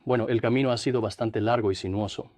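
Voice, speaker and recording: An older man from New Jersey, a priest and interview guest, recounting his life in a measured, reflective way. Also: fairly low pitch, steady tone, darkish tone, no room sound. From Trenton, New Jersey, USA. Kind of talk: studio interview, dubbed.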